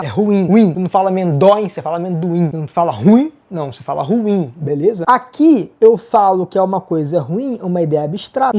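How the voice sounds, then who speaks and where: A man's voice: sits high, warm tone. Joking Brazilian man teaching an essay lesson. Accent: Brazilian Portuguese. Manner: brisk, joking, self-mocking; talks straight to students, casual slang. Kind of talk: online video lesson.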